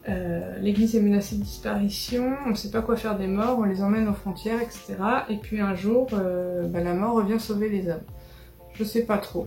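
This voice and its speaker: Woman, book vlogger, casual and hesitant, gravelly touch, roomy echo. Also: mid-range voice, a little mellow. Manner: chatty, hesitant, many fillers and restarts. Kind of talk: casual book haul chat.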